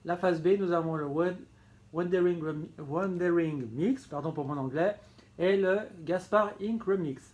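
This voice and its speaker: Guy, kinda high voice, showing off his records, keeps fixing his words. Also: unhurried, darkish tone, muffled recording. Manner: enthusiastic, repeats words, corrects himself often. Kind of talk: casual show-and-tell vlog.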